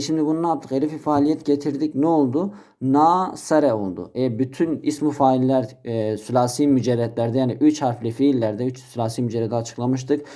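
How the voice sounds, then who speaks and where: A man's voice: mid-range voice, dark tone. A man teaching Arabic grammar in a recorded lesson, addressing listeners as brothers and answering his own questions as he explains each step.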